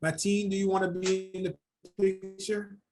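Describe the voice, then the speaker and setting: A man's voice: sits high, completely flat delivery, normal speed, darkish tone. A man teaching an online class over a video call, coaxing his students, his voice glitching and choppy through the call. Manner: coaxing, repeats himself. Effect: glitchy, choppy video-call audio. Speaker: instructor.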